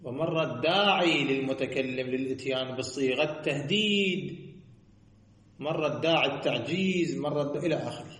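A teacher with a medium-pitched, slightly bright voice delivers a seminary lecture on jurisprudence at a fairly quick pace, recorded in an echoey room. He poses rhetorical questions and answers them himself, all in a sing-song cadence, giving the lesson a scholarly feel.

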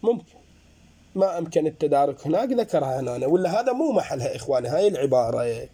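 Mellow-voiced man teaching. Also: big pitch swings, fast talker. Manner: explanatory, addresses students as brothers, rises and drops in pitch. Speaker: seminary teacher. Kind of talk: jurisprudence lecture.

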